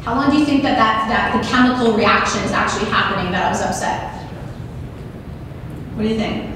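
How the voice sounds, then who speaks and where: A woman in her forties giving a lively motivational keynote at a podium microphone, often asking the audience questions. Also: fairly high pitch, fairly quick, background noise. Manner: energetic, asks the audience questions, gestures a lot. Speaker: keynote speaker. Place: large banquet hall with audience. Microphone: podium microphone on a stand. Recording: echoey hall recorded from a distance.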